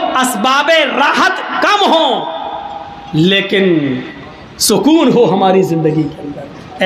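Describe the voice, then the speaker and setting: A man preaching a sermon, telling humorous stories and acting out the characters, shouting at the high points. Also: roomy sound, a little hiss or hum. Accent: Hindustani Urdu-Hindi. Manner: acts out characters with voices, shouts at climaxes. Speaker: maulana preacher.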